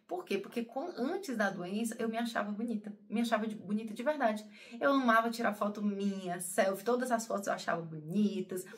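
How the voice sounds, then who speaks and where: A woman's voice: medium pitch, fairly quick. A woman talking to her viewers in a personal, emotional monologue. She rambles, repeats herself and often calls her audience "gente". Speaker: spiritual channel host.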